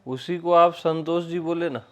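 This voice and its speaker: Slow-spoken man teaching a satsang. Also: a little high, steady tone. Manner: slow, repetitive, gently questioning. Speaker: spiritual teacher. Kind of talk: informal satsang discourse.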